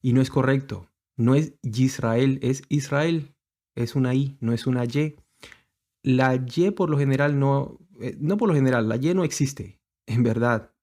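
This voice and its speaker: A man's voice: mid-range voice, moderate pace, dark tone. Hesitant man teaching a sermon. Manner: hesitant, many fillers and restarts, explanatory. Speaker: congregation teacher.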